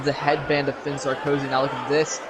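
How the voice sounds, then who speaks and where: A man's voice: medium pitch, little pitch movement, a little fast, heavy background noise. A man providing color commentary on a video game wrestling match, incredulous and exclamatory.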